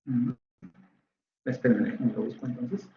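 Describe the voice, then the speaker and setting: A man's voice: mid-range voice, steady tone, a little slow, a little hiss or hum. A man with a Mexican Spanish accent lecturing a university phonetics class, explaining points and repeating example words to model their pronunciation. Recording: roomy, slightly dull audio with faint ambience.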